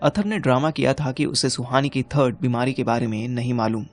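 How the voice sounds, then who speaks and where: A man's voice: mid-range voice, fairly quick. A young man narrating an audio drama in the first person, with urgent, exasperated dialogue. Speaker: narrator and lead character.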